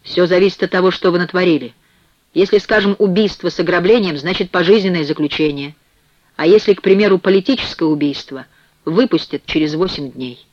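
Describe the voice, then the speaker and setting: A man's voice: high voice, fairly quick, dry recording, dull audio, natural voice. A man playing a sardonic, mocking cellmate. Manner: sententious, unctuous.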